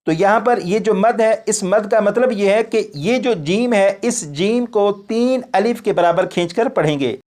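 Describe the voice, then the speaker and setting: Man doing a really slow recitation lesson, patient, stretches the letters out. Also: high voice, darkish tone. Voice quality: drawn-out chanted letter sounds in drills. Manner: patient, repeats each point, pauses for the student. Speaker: Quran recitation teacher.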